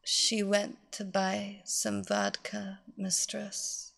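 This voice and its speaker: A woman voicing an entranced young female athlete who answers in a soft, hushed, obedient voice. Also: medium pitch, monotone, very slow, gravelly, heavily acted. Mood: submissive.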